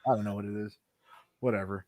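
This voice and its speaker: A young man hosting a casual chat over a video call, excitable and chatty, drifting off mid-sentence as he hunts for things. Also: lowish voice, quick pace, over a noisy crowd. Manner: excitable, chatty, trails off while rummaging.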